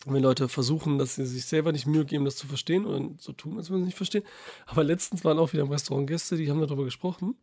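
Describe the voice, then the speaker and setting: A man's voice: fairly high pitch, rapid-fire. A man co-hosting a podcast in casual, rambling chat, laughing often. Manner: lively, rambling, laughs a lot. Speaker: podcast co-host.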